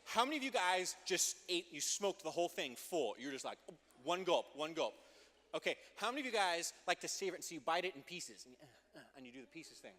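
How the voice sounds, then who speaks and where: A man preaching a youth group sermon as youth pastor, playful and energetic, joking with the teens before turning earnest. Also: on the high side, quick pace, few pauses. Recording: long hall reverb.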